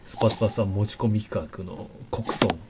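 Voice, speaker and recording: A man hosting a podcast, talking in a relaxed, chatty way with plenty of fillers. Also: on the low side, fast, noisy background. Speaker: podcast host. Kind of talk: casual chat.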